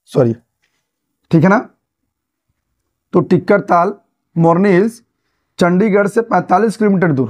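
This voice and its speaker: Man, exam-prep teacher, young, mellow tone, higher pitch, repeats and quizzes. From Uttar Pradesh, India. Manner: repetitive, quizzing listeners with tag questions.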